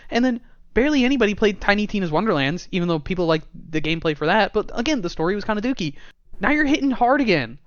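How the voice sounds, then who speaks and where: A man's voice: sits high, expressive, fast talker, dry recording. Chatty man on a dull dry mic. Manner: chatty, laughs often, reads quotes aloud. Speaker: podcast co-host. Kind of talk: casual gaming chat.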